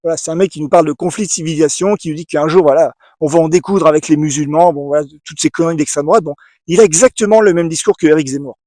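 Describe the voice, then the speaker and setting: A man's voice: on the high side, quick pace, a little mellow, no echo, clean studio sound. A man giving a casual opinion monologue to the camera, emphatic and repetitive, with many restarts and asides to the viewer. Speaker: video essayist.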